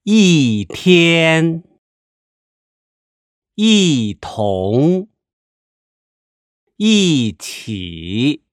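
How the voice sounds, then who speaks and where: Very slow, deliberate pronunciation drill voice. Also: medium pitch, big pitch swings, clean tone, no room sound, clean studio sound. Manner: slow, careful, syllable-by-syllable delivery. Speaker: language teacher.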